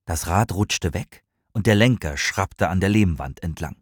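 A man reading a story aloud as narrator, in a calm, even storytelling manner. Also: sits low, measured pace, no echo, clean studio sound. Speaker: audiobook narrator. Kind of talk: scripted narration.

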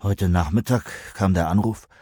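A man voicing a brisk village visitor. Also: low voice, warm tone, breathy edge, dry recording.

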